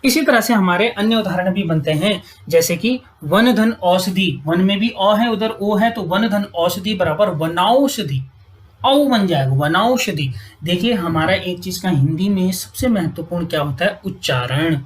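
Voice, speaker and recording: A woman's voice: lowish voice, normal speed, rough recording. Woman teaching grammar at a whiteboard. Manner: often adds "ठीक है" to check understanding; asks students questions and answers them herself.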